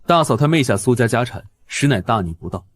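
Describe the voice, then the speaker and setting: An actor playing a pompous young pedant who quotes sages in a sanctimonious tone. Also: male voice, medium pitch, expressive, fast, lightly acted. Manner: pompous, quoting sayings. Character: pompous young male pedant brother-in-law.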